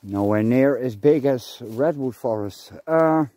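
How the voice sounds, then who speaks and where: Man, mellow dark voice, unhurried, rambling chatty vlog talk, outdoors on a forest trail, camera on a tripod. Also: medium pitch, no room sound. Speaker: vlogger. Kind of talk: casual outdoor vlog narration.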